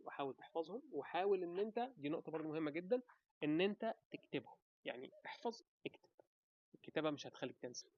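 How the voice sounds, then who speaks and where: An Egyptian man with an Egyptian Arabic accent gives casual advice to camera, animated and talking straight to the viewer with quick rhetorical questions. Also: a little high, no room sound, muffled recording. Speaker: vlogger giving advice.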